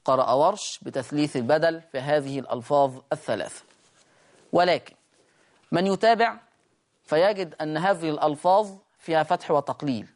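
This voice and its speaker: A man with an Egyptian accent teaching a Quran recitation lesson, drawing out each example word slowly as he demonstrates it. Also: a little high. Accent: Egyptian Arabic. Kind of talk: recorded tajweed lesson.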